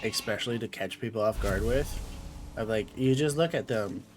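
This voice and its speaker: A man's voice: lowish voice, moderate pace, faint music behind. A young man streaming a game, chatting casually and playfully, answering his chat as he goes.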